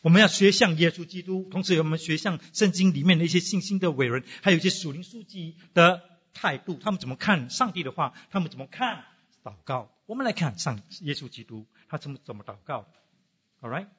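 High-voiced man preaching, mixing in English. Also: expressive, a little fast, fairly bright tone, breathy edge, in a large hall, lo-fi sound. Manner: mixes in English phrases, rhetorical questions. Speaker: pastor. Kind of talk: sermon.

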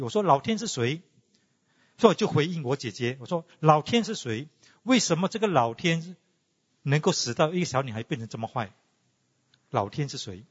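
A man teaching a class in a lively, questioning way and mixing English words into his talk. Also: fairly high pitch, breathy edge. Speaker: teacher leading a class discussion. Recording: dull sound in a reverberant hall.

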